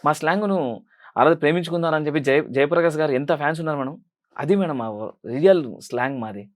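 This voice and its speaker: A young man speaking Telugu with a Rayalaseema accent, pouring out his answers at a very fast clip. His voice sits a little high and he keeps deferring politely to the interviewer. The sound is close and clean. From Rayalaseema, India. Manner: earnest, rapid, addresses interviewer as madam constantly. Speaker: film director and actor.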